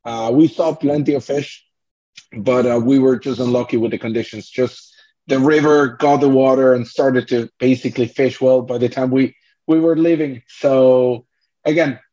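A young man from Argentina answers questions in relaxed, measured speech, filling gaps with "uh" and "you know". His audio is a little dull and lo-fi. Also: medium pitch. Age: young adult. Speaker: guest angler. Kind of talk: casual interview chat. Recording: slightly dull lo-fi sound.

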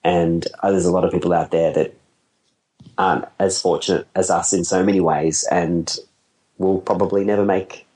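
His voice is deep and dark, delivered flatly at a normal speed. This man in his forties, a wedding photographer, chats casually, rambling and self-deprecating, and laughs without much prompting.

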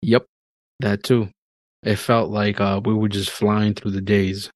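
A man's voice: fairly low pitch, flat delivery, measured pace, dry recording. A man in his thirties chatting casually and laughing often, swearing freely as he talks about his kids. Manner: laid-back, profane, laughs often. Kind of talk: casual chat.

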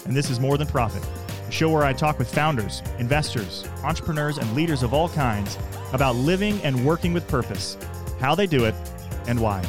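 A man hosts a podcast and speaks at an average pitch. He reads a scripted intro, then interviews in a measured, friendly way. Faint music plays behind him. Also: expressive. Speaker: podcast host.

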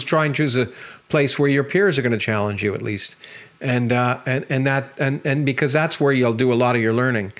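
A middle-aged man, hosting a podcast in a chatty way, quick to agree and laugh along. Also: medium pitch. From Canada. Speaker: podcast host. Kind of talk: casual interview conversation.

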